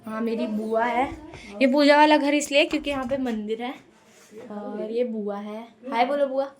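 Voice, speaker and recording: Family members chat around her as a young woman walks her viewers through a family house, inside and out into the courtyard. Her voice is a little high and she speaks at normal speed, keeping the vlog casual and playful.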